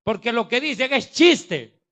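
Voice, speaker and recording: A male preacher delivers a sermon full of mockery and jokes. His voice is high and bright, and he lands his points with heavy emphasis. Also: expressive, measured pace. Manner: mocking, jokey, emphatic.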